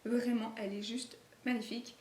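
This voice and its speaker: A woman's voice: a little high, flat delivery, moderate pace. A woman sewing vlogger with an accent, chatting casually about garments she made, full of fillers and restarts. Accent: non-native French accent. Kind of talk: casual chat showing garments. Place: indoor room at home, filming late in the day. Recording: echoey room with faint noise.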